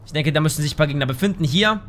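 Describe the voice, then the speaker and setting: A man giving casual gameplay commentary, excitable, yelping and swearing at the game into a desk microphone at home. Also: a little high, racing, background noise. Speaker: gaming YouTuber.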